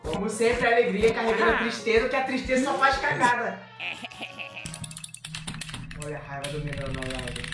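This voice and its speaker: A man with a Brazilian Portuguese accent hosting a casual reaction video, talking excitedly to his viewers with lots of exclamations. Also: high voice, moderate pace, pauses often, distant mic. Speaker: YouTube reaction host. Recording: echoey room, off-mic, loud background music.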